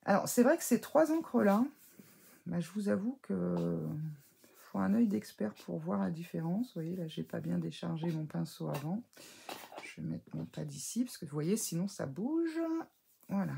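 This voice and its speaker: Woman, low gravelly voice with some huskiness, hesitant and chatty, explaining a craft while she works. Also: lively intonation, moderate pace, dark tone. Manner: chatty, hesitant, full of fillers and self-corrections; talks while working with her hands, self-mocking. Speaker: scrapbooking crafter. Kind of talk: casual craft tutorial.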